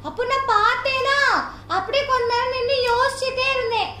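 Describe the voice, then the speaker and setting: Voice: extremely high pitch, steady tone, brisk, sharp tone. A performer voicing a chatty, cheeky little girl in a children's Sunday school skit, who whines and talks back. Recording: echoey room with faint noise.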